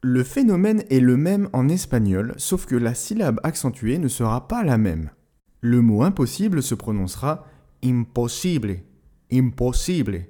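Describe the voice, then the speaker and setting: Lively-voiced man teaching pronunciation. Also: medium pitch. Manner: clear, didactic, slows down to model pronunciations. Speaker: language-learning podcast host. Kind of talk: scripted educational narration.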